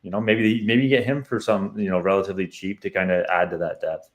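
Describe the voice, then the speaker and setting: Deep-voiced Canadian man analyzing baseball. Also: fairly even intonation, quick pace. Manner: confident, opinionated analysis. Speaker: podcast co-host. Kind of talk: casual sports analysis.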